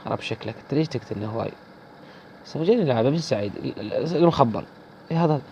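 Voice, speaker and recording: A man's voice: mid-range voice, animated, racing, mellow, highs cut off, slight background noise. A man with an Iraqi accent commenting live on his gameplay, teasing opponents and chatting to viewers. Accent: Iraqi Arabic. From Iraq. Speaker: gaming video host.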